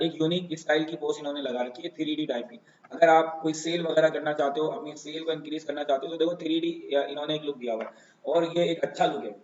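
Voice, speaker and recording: Male tutorial host, a bit high-pitched, chatty and easygoing, roomy dull recording. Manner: conversational, keeps saying "theek hai". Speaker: online marketing tutor. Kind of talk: screen-share tutorial.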